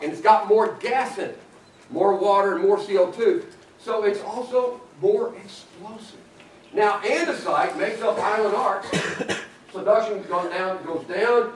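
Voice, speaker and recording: A man giving a lively, playful university geology lecture to students in a lecture room. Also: high-pitched, slight background noise. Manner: animated, playful, talks to students. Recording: echoey room from far off.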